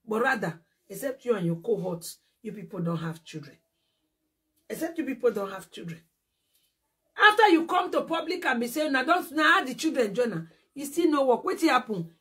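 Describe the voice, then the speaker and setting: A woman's voice: on the high side, fairly bright tone, far from the mic. A woman with a Nigerian accent ranting angrily on a phone live stream, scolding and repeating herself. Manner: confrontational, scolding, repetitive. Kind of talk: angry live-stream rant.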